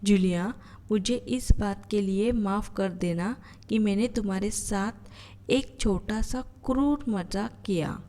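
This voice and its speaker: A woman reading aloud the lines of an angry, stern male employer in a slow, mellow voice. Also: a little high. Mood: calmer.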